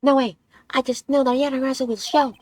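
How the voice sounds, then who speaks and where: A woman voicing an excitable young female thief who is eager, pushy and high-spirited, reading lines from a video game. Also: fast talker, no room sound. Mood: insistent.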